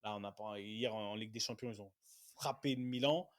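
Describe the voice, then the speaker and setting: A man co-hosting a casual podcast discussion, relaxed, often trailing off and repeating phrases. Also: on the low side, brisk. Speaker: podcast co-host.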